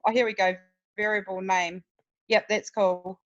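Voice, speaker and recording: A woman leading a casual work meeting over a video call, explaining things step by step in a brisk way. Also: mid-range voice, flat delivery, slight background noise. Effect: heard over a video call. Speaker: project lead in a work meeting. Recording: dull lo-fi video call audio.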